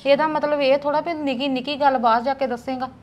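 A woman's voice: high-pitched, steady tone, fast, a little hiss or hum, close to an everyday voice. A woman playing a worried middle-aged village mother who lectures her son. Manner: chiding, lecturing. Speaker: actor. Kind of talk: family drama skit.

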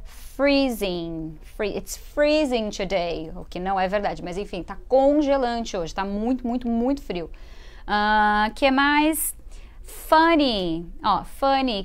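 A woman from Brazil hosting a live online English lesson, explaining words in a lively way and getting viewers to repeat after her. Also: a little high, clear, resonant tone. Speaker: English teacher and show host.

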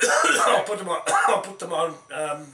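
An older New Zealand man, croaky and coughing, chats on speakerphone as a group organiser, confident and repetitive, starting and restarting his sentences. His high, sharp-toned voice is expressive at a measured pace. A camera across a cluttered indoor room picks him up, so the casual call sounds roomy and distant with faint noise.

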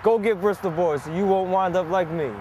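A man's voice: sits high, fairly even intonation, fairly quick, a little mellow, natural voice. A man playing a regretful small-time convict giving a testimonial in an infomercial parody, recorded outdoors by a noisy road. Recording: noisy outdoor roadside with traffic.

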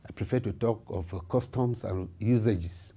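Measured middle-aged man, dark low voice. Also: slightly rough. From Cameroon. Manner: measured, formal, with frequent hesitations. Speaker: member of parliament and lawyer. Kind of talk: reflective interview answers. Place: indoor office with wood paneling.

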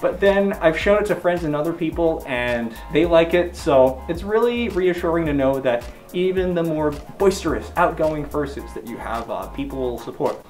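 A man's voice: fairly high pitch, animated, moderate pace, few pauses, darkish tone, faint music behind. Man talking through a fursuit head. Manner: chatty and upbeat. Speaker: furry video creator showing his fursuits. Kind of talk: casual vlog chat.

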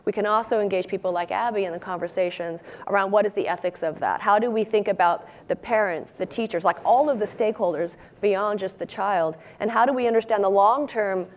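A woman's voice: mid-range voice, fairly quick, few pauses. A woman in her forties speaking as a panelist on a conference stage, explaining at length with frequent "you know"s into a lapel mic. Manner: expansive, fluent explaining with many "you know"s. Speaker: panelist, robotics researcher.

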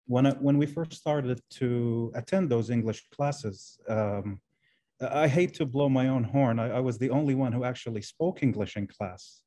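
A man's voice: medium pitch, moderate pace, warm tone. A Kuwaiti man in his forties whose first language is Arabic, answering interview questions over a video call in a hesitant way, with many fillers and restarts. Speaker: guest, translation professor. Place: indoor room.

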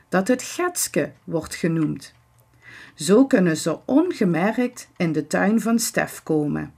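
A woman's voice: mid-range voice, vocal fry, darkish tone, slightly rough. A woman reading a children's book aloud expressively, switching into voices for each character. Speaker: storybook reader.

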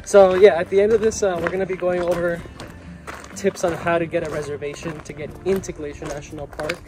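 A man in his twenties talking in a relaxed, easygoing way on a casual hiking vlog, recorded outdoors on a phone held at arm's length. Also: on the high side, brisk, music in the background. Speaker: vlogger. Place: mountain trail outdoors. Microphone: partner's phone at arm's length.

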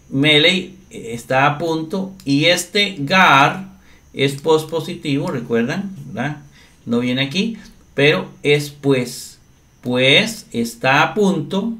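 A man teaching Greek grammar in a slow, step-by-step screen-share lesson, often checking in with his listeners. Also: fairly high pitch, sharp tone. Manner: slow, deliberate, often asks "¿verdad?".

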